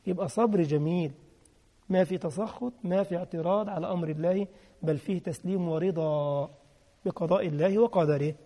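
A man's voice: high-pitched, a little fast, dark tone. A man preaching a sermon with an Egyptian accent, emphatic, repeating key phrases and quizzing his listeners. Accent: Egyptian Arabic. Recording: long hall reverb.

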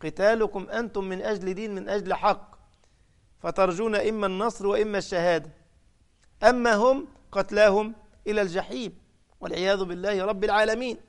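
A man preaching a sermon in an Egyptian Arabic accent, his voice sitting high for a man. He tells the story dramatically, raising his voice for the cries he quotes and landing hard on key points. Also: fairly even intonation, fast.

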